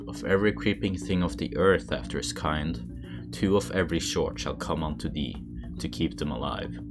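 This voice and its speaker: A man reading scripture aloud in a monotone manner. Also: very deep voice. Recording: background music under the voice. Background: music.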